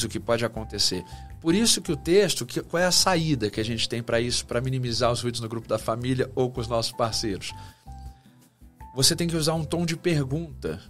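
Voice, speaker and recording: A man from Brazil with a slightly raised pitch talks in a teaching tone, breaking ideas into steps and acting out little example lines. He speaks as a guest on an interview podcast, with faint music behind him. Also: a bit bright. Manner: didactic, acts out short example phrases. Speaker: communication professor and guest.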